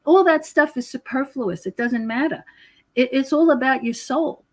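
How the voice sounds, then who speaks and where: Her high-pitched, slightly mellow voice moves at normal speed while she, an author and researcher of prophecy, explains her beliefs as a podcast guest. The conversational interview has her speaking emphatically and preachily, repeating words and checking in with the listener.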